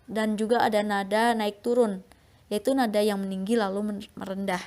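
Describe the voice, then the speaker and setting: A young woman presenting a university phonetics class talk, reading her slides in a steady, explanatory way. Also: mid-range voice, moderate pace. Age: young adult. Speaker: student presenter.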